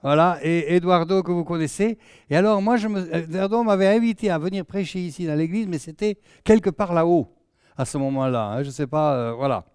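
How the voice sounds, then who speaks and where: A man's voice: fairly high pitch, fairly quick, darkish tone, smooth, dry recording, studio quality. A man in his sixties from southwest France with a southern French accent, a guest preacher chatting jovially through his opening anecdotes. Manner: chatty, jovial, often trailing off with "hein". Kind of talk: sermon introduction with anecdotes.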